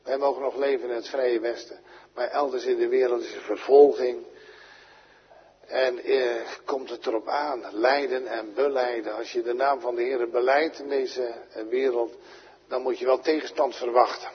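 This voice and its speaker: Man, Dutch accent, sermon, husky voice, dull lo-fi sound. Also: medium pitch, fairly even intonation, moderate pace. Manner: earnest, rises in volume on quoted prayers. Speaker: preacher. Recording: dull lo-fi recording in a reverberant church.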